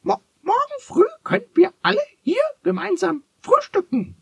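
Ein stotterndes, piepsiges Huhn. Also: male voice, very animated, normal speed, creaky, no echo, full character voice. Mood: excited. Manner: stammering, very high squawky. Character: flustered stuttering brown hen.

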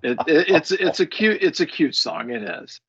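A man's voice: on the high side, expressive, normal speed, a bit bright, slightly rough, dry recording. A middle-aged man co-hosting a morning podcast, chatting casually and rambling with fillers and restarts. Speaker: podcast co-host. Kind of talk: casual morning show chat. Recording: dull lo-fi sound.

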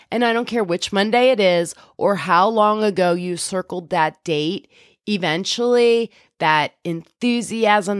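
A woman's voice: mid-range voice, no echo, clean studio sound. Stuffy-nosed woman hosting a podcast. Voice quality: stuffy, congested nose. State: head cold. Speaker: podcast host and health coach. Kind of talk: solo podcast talk, conversational and instructive.

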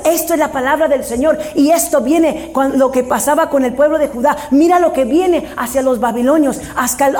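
High-voiced woman preaching a sermon. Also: a little mellow. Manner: switches between Spanish and English mid-sentence, frequent "¿verdad?"; emphatic, raises voice on scripture calls. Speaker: pastor.

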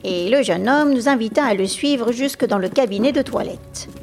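A woman narrating a classic detective story in a steady, measured way for a podcast. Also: fairly high pitch, soft background music. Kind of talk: audiobook narration.

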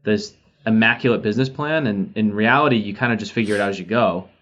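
A man's voice: on the low side, quick pace, a bit bright. A man hosting a podcast, chatty and enthusiastic, asking long rambling questions. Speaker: podcast host. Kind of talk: conversational interview. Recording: dull lo-fi sound.

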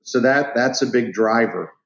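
A man speaking as an expert guest, explaining in a measured way in an interview. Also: medium pitch, creaky, a bit bright. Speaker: guest researcher. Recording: roomy, dull lo-fi sound.

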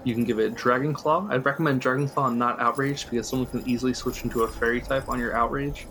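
A man's voice: mid-range voice, fairly even intonation, quick pace, a bit bright, slight background noise. A man co-hosting a podcast in casual chat, explaining game strategy at length and chuckling often. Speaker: podcast co-host.

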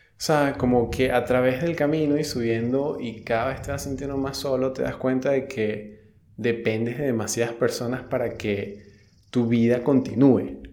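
A man's voice: medium pitch, fairly even intonation, unhurried, darkish tone. Man, Venezuelan accent, young adult, casual monologue, swearing, rambling.

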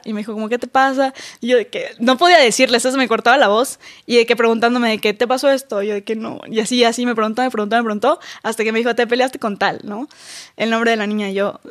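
Young woman, podcast guest, rapid confiding delivery, voice a touch high. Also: a bit bright. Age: 20s. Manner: emotional, confiding, fast-talking. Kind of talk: casual chat.

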